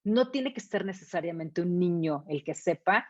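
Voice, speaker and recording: A woman's voice: fairly low pitch, lively intonation, normal speed, a little mellow. A woman, an English teacher explaining her method in an interview with emphatic repetition and rhetorical questions. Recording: dull lo-fi sound.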